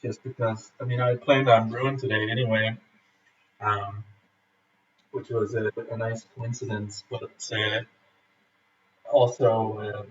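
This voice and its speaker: On a rainy day at his home brewing setup in Denmark, a man originally from Michigan, USA, rambles through a casual live-stream chat, stopping and starting with many fillers and frequent laughter. His voice sits on the low side with a level tone, and the streaming camera and laptop give a distant, roomy, dull lo-fi sound with faint ambience.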